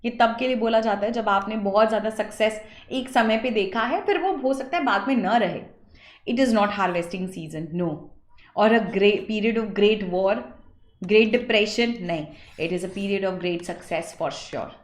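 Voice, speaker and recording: A woman English teacher with a mid-range voice talks slowly in an online exam-prep lesson, and the audio sounds echoey. She mixes Hindi and English, poses questions to students and answers them herself, using slow, deliberate English phrases.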